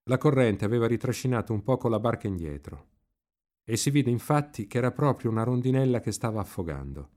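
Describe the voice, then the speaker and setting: A man reading a novel aloud in an expressive, lively literary narration. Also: mid-range voice, a little fast. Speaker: reader.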